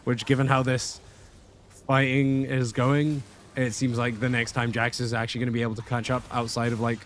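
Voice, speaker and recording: A man's voice: medium pitch, little pitch movement, moderate pace, a little hiss or hum. Casual man giving esports analysis. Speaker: esports co-caster. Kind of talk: live esports color commentary.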